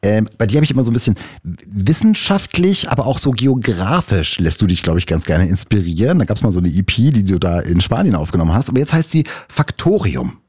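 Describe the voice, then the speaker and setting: German radio guy chatting with guests, bouncy voice, bit husky, dry sound. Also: lowish voice, very animated, brisk, a little mellow, no room sound. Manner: chatty, playful, switches into English. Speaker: radio host. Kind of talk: radio studio interview.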